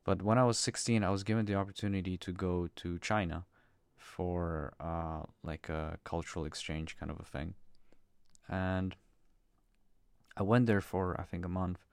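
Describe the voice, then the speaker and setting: This is a young man from the Czech Republic with a notably low voice, speaking as a podcast guest. He talks casually and hesitantly, padding his sentences with fillers. The sound is dry and close. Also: steady tone, moderate pace, smooth, no room sound. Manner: hesitant, full of fillers and restarts. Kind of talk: casual personal conversation.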